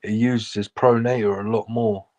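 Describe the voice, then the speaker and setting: A man's voice: lowish voice, little pitch movement, moderate pace, darkish tone. A man chatting casually on a podcast, laid-back and swearing freely as he predicts arm-wrestling matches. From England. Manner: laid-back, swears freely, says "you know what I mean".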